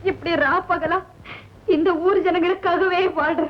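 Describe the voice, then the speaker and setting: A teary young village girl telling someone off, very high voice, faint hiss. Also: brisk. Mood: reproachful. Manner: tearful, reproachful, then firm. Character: affectionate, scolding young village woman. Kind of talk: 1970s film acting. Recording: muffled old film soundtrack.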